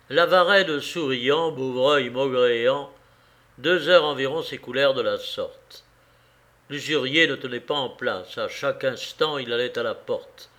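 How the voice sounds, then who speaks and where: Reading a novel aloud for an audiobook, a male narrator keeps his storytelling even and measured. His pitch is medium.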